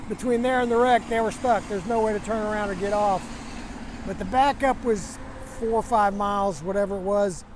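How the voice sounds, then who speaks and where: Sounding like a trucker vlogger, a man tells a first-person story to camera in a folksy, plain, conversational way. His voice sits high, with a steady tone at normal speed, and the noisy recording carries clear vehicle and outdoor sounds.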